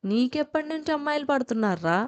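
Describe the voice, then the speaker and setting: A woman's voice: sits high, animated, quick pace, voice pushed up. A woman voicing a young male college student who talks in a casual, teasing way.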